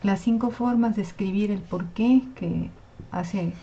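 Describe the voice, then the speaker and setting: A woman's voice: medium pitch, unhurried, warm tone, a little hiss or hum. A woman teacher, patiently explaining and checking in with her class. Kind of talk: online class lecture on Spanish spelling. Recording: slightly dull lo-fi recording.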